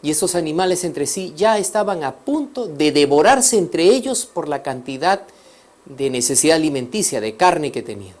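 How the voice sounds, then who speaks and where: A man telling a religious story as a sermon, swinging between loud emphasis and soft, hushed passages. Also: fairly high pitch, expressive, moderate pace. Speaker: teacher of a religious course. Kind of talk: preaching storytelling.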